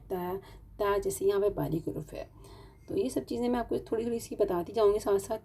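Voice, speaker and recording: Soft, husky woman teaching recitation. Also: mid-range voice. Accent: Urdu-speaking, Pakistani. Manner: patient, explains step by step, stretches out example words. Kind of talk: online tajweed lesson.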